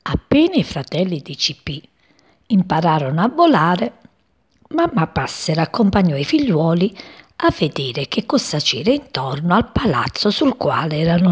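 Woman, children's story reader, lively pitch, slow delivery. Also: slightly rough. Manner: expressive, lilting.

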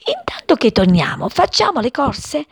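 A curious little male bird chatters eagerly in a raised, bouncy voice, as a woman acts him out. It's a storybook voice with a faint husky grain and a dry, close sound. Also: sits high, very animated, moderate pace, dry recording, pitched above the performer's own voice, exaggerated voice.

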